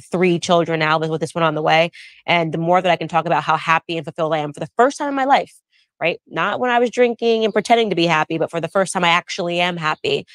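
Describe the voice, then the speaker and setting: A woman in her thirties talking in an emphatic, animated way in a casual podcast discussion. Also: low voice, dry recording. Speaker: podcast guest.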